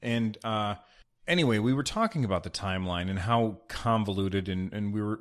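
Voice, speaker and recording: A man's voice: sits low, fairly bright tone. A man hosting a solo podcast, talking in a chatty, rambling way with many fillers, recorded in an echoey, half-finished room. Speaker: podcast host. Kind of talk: casual solo podcast talk. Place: unfinished home studio room.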